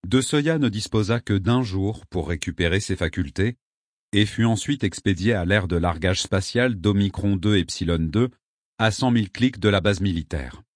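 A man giving a steady, measured scripted narration of an audiobook. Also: fairly low pitch, dry recording, studio quality.

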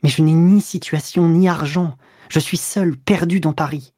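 A woman's voice: sits low, moderate pace, warm tone, husky, dry recording, clean studio sound, pitched above the performer's own voice. A woman voicing a young man confessing to his lover, pleading and slipping into whispers.

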